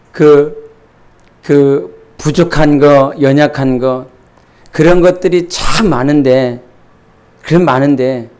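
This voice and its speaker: A middle-aged pastor with a fairly high, slightly mellow voice preaches a sermon in church. He tells a candid, self-deprecating story, restarting his sentences often.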